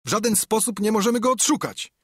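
A rough pirate thug, as a narrator puts him on, yelling his reports in a raised, husky voice. Dry, close audiobook sound. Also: sits high, lively intonation, fast, no room sound, voice pushed up, exaggerated voice. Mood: alarmed.

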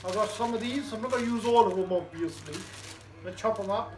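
A home cook vlogger with a Punjabi accent chats in his small home kitchen, his voice sitting high and moving a little fast. He rambles, jokes and mixes languages in a casual cooking vlog. The sound is echoey, recorded indoors on a camera about arm's length to a metre away.

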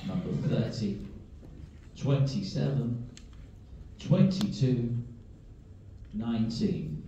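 A man's voice: lowish voice, creaky, mellow. A British man working as a bingo caller, calling numbers in clipped, formulaic patter, digit by digit and then whole. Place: large echoing bingo hall. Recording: very echoey hall, distant muffled mic, faint noise.

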